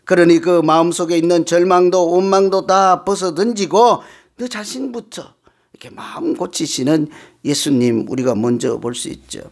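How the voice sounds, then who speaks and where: A male pastor preaching a sermon in a church, animated and full of rhetorical questions. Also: high-pitched.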